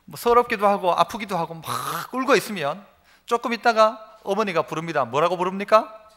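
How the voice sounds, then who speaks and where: A male pastor delivers an emphatic sermon in a high, bright voice. His pitch swings widely as he leads the congregation to repeat phrases and tells homely stories. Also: expressive, a little fast. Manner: storytelling with homely examples. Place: church service.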